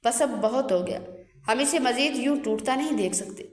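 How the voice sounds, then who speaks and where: A woman's voice: sits high, animated. A woman voicing an angry, pained brother who talks heavily and firmly, in an echoey room. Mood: stern. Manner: heavy, firm. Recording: echoey room with long reverb.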